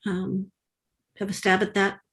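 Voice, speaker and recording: Woman lawmaker, conversational, easy laughter, mid-pitched. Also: completely flat delivery, unhurried, fairly bright tone, rough recording. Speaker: legislator. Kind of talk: committee discussion.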